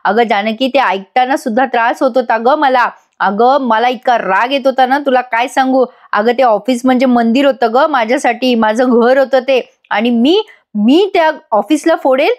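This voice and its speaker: A woman's voice: on the high side, normal speed, natural voice. A woman reading the lines of an angry, hurt young husband from a TV serial, in pleading, exasperated outbursts.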